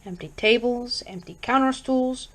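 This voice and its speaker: A woman reads a horror short story aloud, calm and measured. Her voice sits high and she keeps an even, steady reading pace. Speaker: reader.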